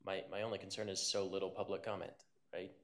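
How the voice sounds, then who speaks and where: A man speaking informally as a committee member at a public meeting, phrasing his questions and comments haltingly. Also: low voice, level tone.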